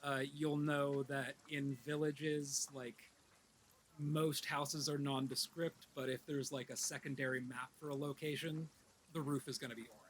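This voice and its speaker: A man narrating a tabletop game as game master, conversational and halting as he describes scenes. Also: medium pitch, level tone, slight background noise, low-quality recording. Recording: guitar music behind the voice.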